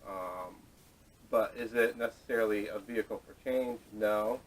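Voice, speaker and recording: Heard through a distant camera mic in a noisy recording, a man with a fairly low voice hosts a casual panel podcast at normal speed. His talk is hesitant and meandering.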